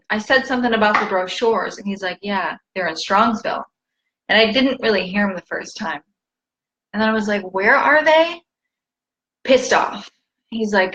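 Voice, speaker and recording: A woman's voice: medium pitch, a bit bright. Chatty woman coach on a dull recording. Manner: chatty, rambling, reads viewer comments aloud. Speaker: wellness coach. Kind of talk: candid live-stream storytelling.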